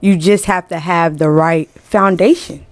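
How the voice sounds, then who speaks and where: Woman podcast guest, from New Jersey by way of Atlanta: slow, low, blunt, quick to laugh. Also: steady tone, no echo. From born in New Jersey, raised in Atlanta. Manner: frank, laughing, emphatic. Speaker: music management guest. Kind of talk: casual podcast chat.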